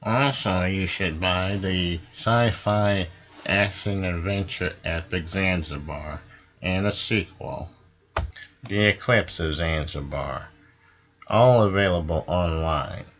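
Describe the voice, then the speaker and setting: A man playing a wrestling show pitchman, reading a scripted sponsor ad in a deliberate, salesy way. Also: a bit bright, lo-fi sound. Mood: selling.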